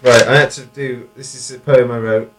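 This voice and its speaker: A man's voice: medium pitch, level tone, normal speed, reverberant, background noise. A man co-hosting a podcast, chatting casually, laughing often and reading his own rhymed poem aloud. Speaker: podcast co-host and poet. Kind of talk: casual chat and poetry reading.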